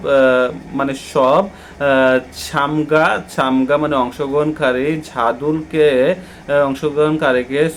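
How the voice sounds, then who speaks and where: A man with a Bangladeshi Bengali accent explaining textbook vocabulary as a language teacher, pausing often with drawn-out fillers. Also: medium pitch, a little hiss or hum. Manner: hesitant, many drawn-out "ah" fillers between words.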